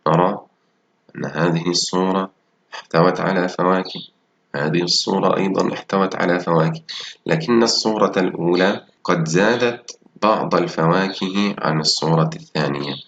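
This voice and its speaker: A man teaching a primary school Arabic lesson, reading example words slowly and praising his pupils as he goes through textbook exercises. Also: sits low, vocal fry, fairly bright tone, muffled recording, slight background noise. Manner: slow, drawn-out reading of example words and sentences.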